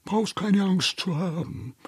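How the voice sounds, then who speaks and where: A man reading an audiobook, voicing an irritable elderly retired shipowner with shrill, trembling outbursts. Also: lively intonation, slow pace, breathy edge, no room sound, clean studio sound, heavily acted. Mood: hushed.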